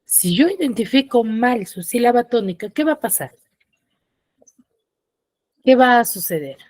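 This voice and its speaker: Teacher in a dry online class. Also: female voice, fairly high pitch, lively intonation, unhurried, darkish tone, no echo. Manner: quizzes the students, often checks understanding with short tag questions. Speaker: secondary school teacher. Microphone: video call.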